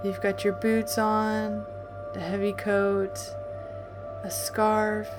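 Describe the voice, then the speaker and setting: A woman narrating a guided meditation in a calm, soothing, deliberate way with long pauses. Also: medium pitch. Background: music.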